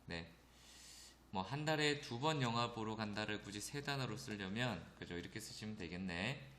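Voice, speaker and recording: A man teaching an English grammar lecture, often checking in with his students and reading the English examples slowly. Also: fairly low pitch, animated, a bit bright. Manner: addresses students often, frequent "그죠?" check-ins. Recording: echoey room with faint noise.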